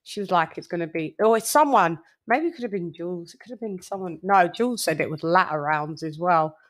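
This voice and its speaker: A woman's voice: lowish voice, brisk, fairly bright tone. A British woman hosting a casual boxing live stream, playful and rambling, full of fillers and little sing-song asides. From United Kingdom. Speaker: host.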